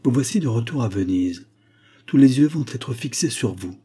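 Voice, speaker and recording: A man voicing a calm, gentle young Venetian noblewoman in an audiobook reading, speaking softly and earnestly. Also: mid-range voice, moderate pace, husky. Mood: tender.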